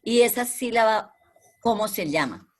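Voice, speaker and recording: A woman's voice comes through a video call as she teaches young primary pupils online, calmly and patiently drilling the important words through constant repetition. She speaks at a normal speed in a slightly high voice.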